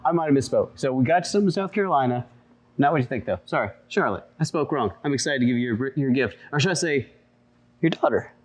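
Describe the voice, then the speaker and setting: A man's voice: medium pitch, expressive, fast, lightly acted. A man playing an awkward, apologetic gift-bearer in a backstage wrestling skit. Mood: sheepish.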